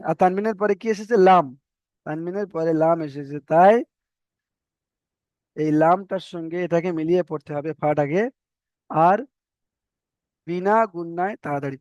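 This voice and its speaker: A man teaching Quran reading, spelling out syllables slowly one by one and often checking that the students follow. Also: fairly high pitch, a little mellow, no room sound, highs cut off. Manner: slow, drawn-out letter-by-letter spelling with repeated checks. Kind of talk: spelling-out recitation lesson.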